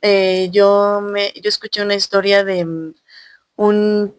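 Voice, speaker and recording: A woman's voice: mid-range voice, level tone, takes it slowly, clear, resonant tone. A woman with a Mexican accent telling a ghost story casually, rambling with many fillers.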